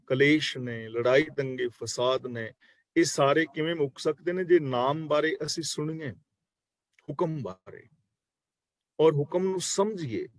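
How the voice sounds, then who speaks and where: A man teaching a scripture class, reciting verses slowly and then explaining each word, at times correcting how a word is pronounced. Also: fairly high pitch, no room sound. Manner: corrects pronunciation letter by letter. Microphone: online video call.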